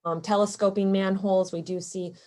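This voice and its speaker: A woman's voice: mid-range voice, little pitch movement, fairly quick, a little mellow. A woman presenting a technical webinar, explaining steadily with frequent fillers. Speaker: concrete paving presenter.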